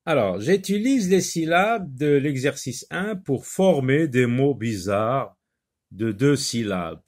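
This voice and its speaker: A man teaching a children's French reading lesson, slowly sounding out syllables with many hesitant fillers. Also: mid-range voice, expressive, a little mellow.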